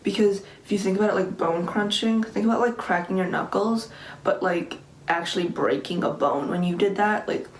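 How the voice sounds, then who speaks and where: A woman's voice: mid-range voice, moderate pace. A young woman in her late teens telling a casual personal story in a rambling, conversational way, peppered with filler "like". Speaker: vlogger. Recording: echoey room with faint background noise.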